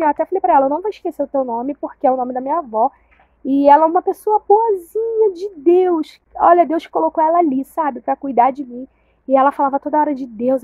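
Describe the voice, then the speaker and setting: A high-voiced woman tells a personal story to her viewers, acting out what everyone said with strong emotion. The sound is narrow and phone-like, with a dry, close feel. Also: no room sound. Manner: emotional, animated retelling with quoted dialogue. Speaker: vlogger telling her birth story.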